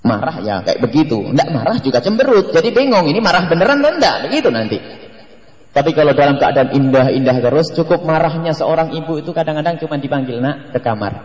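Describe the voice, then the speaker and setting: A man delivering a sermon with a fairly high voice, jumping between a calm teaching tone and lively acted-out family dialogue. His voice rings through a large echoey hall with a long reverb, and the recording sounds dull and lo-fi. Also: fast talker. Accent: Indonesian. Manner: animated, acts out family dialogue with shifting voices. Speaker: preacher.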